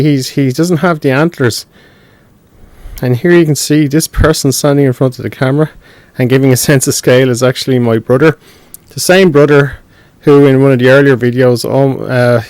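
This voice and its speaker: A man's voice: medium pitch, darkish tone, dry recording. A man presenting wildlife in an informal, explanatory nature documentary style, speaking to viewers. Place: mostly outdoors in nature.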